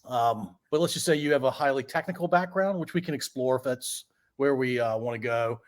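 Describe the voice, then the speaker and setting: In casual conversation, a friendly podcast host from Central Virginia wanders a little while setting up questions, using many "uh" fillers. His voice sits mid-range and runs a little fast.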